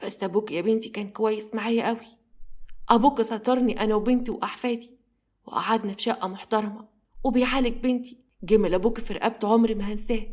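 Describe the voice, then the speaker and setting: A woman with an Egyptian accent voicing a kind, pious older nanny who speaks softly and gently. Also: fairly high pitch, steady tone, quick pace, lightly acted. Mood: gentle. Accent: Egyptian Arabic.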